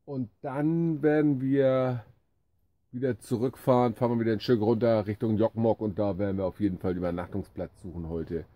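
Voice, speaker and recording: A man's voice: fairly low pitch, steady tone, brisk, no room sound, highs cut off. A man in his fifties filming himself at arm's length outdoors, chatting casually as a travel vlogger and often correcting himself. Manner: chatty, rambling, self-correcting. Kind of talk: casual vlog commentary. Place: outdoors by a lake and in a wooden hut. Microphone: camera held at arm's length.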